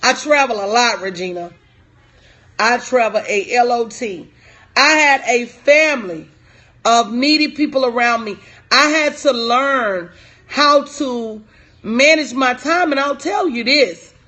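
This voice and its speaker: This woman speaks slowly with a fairly high, bright, forceful voice. In her forties and working as a business coach, she responds to viewers' comments during a live stream, casual and direct, emphatic and repetitive.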